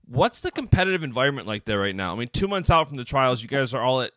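A man's voice: medium pitch, big pitch swings, fast talker, fairly bright tone, no room sound. Guy hosting a podcast, chatty, middle voice, very dry sound. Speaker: podcast host.

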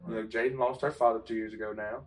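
A man's voice: on the low side, fairly even intonation, fast talker, distant mic. A man hosting a casual podcast chat, joking and laughing as he acts out family talk. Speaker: podcast host.

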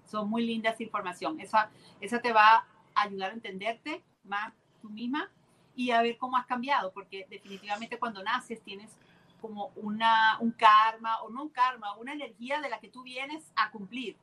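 A woman's voice: fairly high pitch, fairly even intonation, normal speed, sharp tone, rough recording. A woman guest explaining her ideas earnestly and with enthusiasm in casual conversation.

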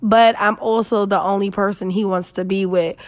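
A woman's voice: mid-range voice, fairly even intonation, moderate pace. A woman in her twenties chatting frankly and sassily as host of an advice show, swearing freely, with a digital echo from an empty room. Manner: blunt, sassy, heavy swearing, emphatic. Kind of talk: casual solo chat with advice, frank and slangy. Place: new, mostly empty apartment. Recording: echoey near-empty apartment room.

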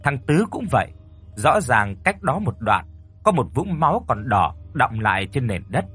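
A man narrating a ghost story in a dramatic, lively storytelling manner. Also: medium pitch, moderate pace, slightly rough, faint music behind.

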